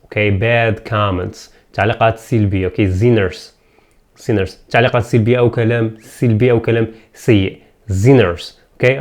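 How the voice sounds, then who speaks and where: A man with an Algerian accent teaching English pronunciation, saying each word again and again slowly and switching between Arabic and English. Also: medium pitch, a little mellow. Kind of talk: pronunciation lesson.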